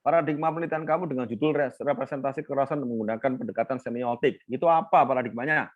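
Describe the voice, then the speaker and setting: A man's voice: mid-range voice, quick pace, narrow, tinny audio. A male lecturer, teaching an online class and teasingly quizzing students by name.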